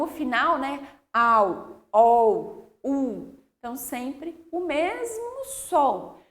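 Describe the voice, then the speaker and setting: Slow high-voiced woman teacher. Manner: slow, drawn-out word-by-word dictation with frequent "ok?" checks. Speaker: primary school teacher. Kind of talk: children's spelling lesson.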